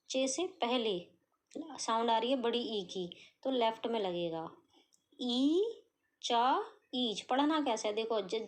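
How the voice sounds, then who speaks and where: A woman gives a patient, step-by-step lesson. She poses questions to an imagined class and answers them herself. She draws out each sound slowly as she goes. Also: fairly high pitch. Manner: explains patiently, asks and answers her own questions, sounds out letters slowly. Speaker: shorthand teacher. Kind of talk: step-by-step tutorial.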